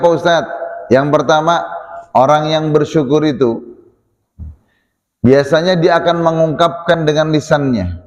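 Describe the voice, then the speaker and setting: A man preaching to a mosque congregation. He talks in a lively way, acts out questions from his listeners and slips in jokes. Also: medium pitch. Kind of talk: mosque sermon. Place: mosque hall. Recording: long reverb of a mosque hall.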